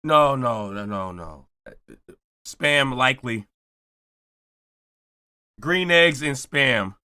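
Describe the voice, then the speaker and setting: A hoarse man hosting a live reaction stream, animated and jokey, breaking into shouts. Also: mid-range voice, drawn-out words.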